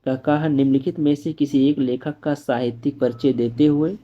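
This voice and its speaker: A male teacher going through exam-paper answers, reading each answer slowly and explaining it simply. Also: medium pitch, steady tone, lo-fi sound. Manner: reads answers aloud slowly, then explains in plain asides. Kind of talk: exam-prep lesson.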